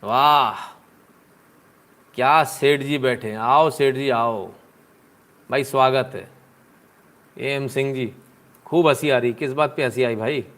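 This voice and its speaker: A man's voice: medium pitch, slow, pauses often, a bit bright. A man giving live political commentary on a stream, sarcastic and chatty, answering viewers' comments as he talks.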